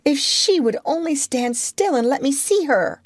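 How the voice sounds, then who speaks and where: A woman voicing Wendy, an eager, well-mannered young girl, in a wide-eyed, excitable tone for an audiobook. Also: fairly high pitch, unhurried, no room sound, clean studio sound, voice pushed up, full character voice. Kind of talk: audiobook character reading.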